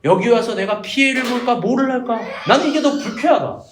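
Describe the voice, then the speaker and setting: A man's voice: very high voice, animated, a little fast, reverberant, noisy background. A preacher putting on a huffy, indignant young man. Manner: stern, huffy.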